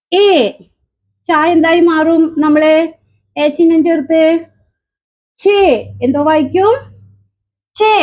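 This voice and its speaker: A woman with a Keralan Malayalam accent teaching children letters. She asks question after question, answers them herself, and sounds out letters slowly. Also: high voice. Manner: slow, drawn-out sounding of letters. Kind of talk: children's alphabet lesson.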